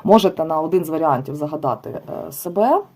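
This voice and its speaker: A young woman with a fairly low voice talks casually as she leafs through a book, reading out entries one after another and dropping quick asides. A faint hiss of noise sits under the recording. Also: expressive. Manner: chatty, reads bird names aloud one by one, with asides. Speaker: tarot and oracle vlogger. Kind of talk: casual book review, leafing through pages.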